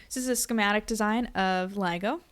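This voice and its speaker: A woman reading a popular science book aloud for a live stream audience. She keeps a steady, clear reading pace at a middle pitch, now and then stumbling on a word and correcting herself. Between passages she drifts into a softer, mumbled explaining voice. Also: fairly quick. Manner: drops to a soft mumble when explaining a figure. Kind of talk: reading aloud with casual asides.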